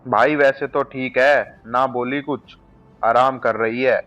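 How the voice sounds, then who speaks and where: A man voicing a loyal young friend who speaks gently and reassuringly. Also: medium pitch, fairly even intonation, slow pace, soft background music. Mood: angry.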